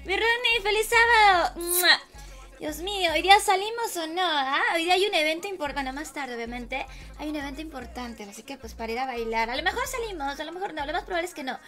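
A woman with a very high, bright voice, hoarse from losing it, chatting late at night on a gaming livestream. She greets her viewers one by one, warm and affectionate, blowing them kisses. Faint music plays behind her. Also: expressive, brisk. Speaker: livestream gamer host.

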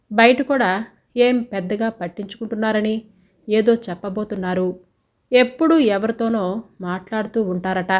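A woman narrates a story aloud at an ordinary middle pitch. Her reading is steady and even, and she lifts her voice a little only when quoted speech comes up.

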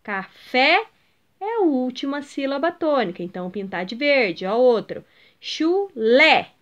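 A woman's voice: high-pitched, big pitch swings, normal speed, muffled recording. A Brazilian Portuguese-speaking woman teacher giving a video lesson to schoolchildren, patiently sounding out words and checking that her pupils follow along. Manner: explains step by step, checks in with "ok?" and "entenderam?".

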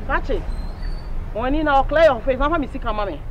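A woman's voice: high-pitched, expressive, fairly quick, lo-fi sound, slight background noise. An actress with a Ghanaian accent playing a bossy, fed-up landlady who lectures her tenant in a TV drama. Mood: scolding. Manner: nagging, lecturing. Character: scolding middle-aged landlady, fed up and bossy. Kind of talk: TV drama acting.

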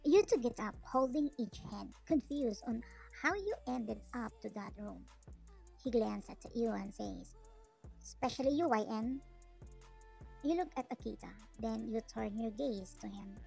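A woman's voice: fairly high pitch, lively intonation, measured pace, creaky, warm tone, faint music behind, rough recording. A woman narrating a fan fiction story in the second person as a voiceover.

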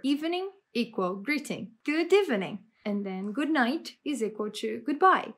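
Woman, English teacher, enthusiastic, fairly high voice. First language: Portuguese. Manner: lively, enthusiastic, switches between languages. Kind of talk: bilingual English lesson.

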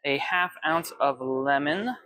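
Taking it slowly, a bartender in his twenties leads a cocktail demonstration at an indoor bar with shelves of bottles, giving friendly step-by-step instructions as he mixes. His pitch is fairly high, and heavy background noise fills the recording.

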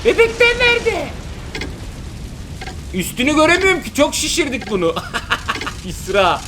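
A man's voice: extremely high pitch, wildly swooping pitch, a little slow, background noise. A young father hosting a casual let's-play, reacting with dramatic exclamations and teasing. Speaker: father and gaming channel host. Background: background music.

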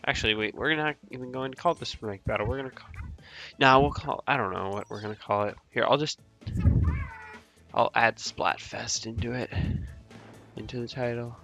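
A man's voice: medium pitch, moderate pace, creaky, sharp tone, faint music behind. Rambling man narrating a game. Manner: rambling, hesitant, many fillers. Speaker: gaming channel host. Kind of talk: casual gameplay commentary.

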